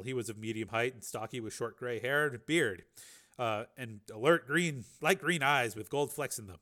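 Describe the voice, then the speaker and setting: A man narrating a novel as an audiobook, steady storytelling with occasional small slips. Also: mid-range voice.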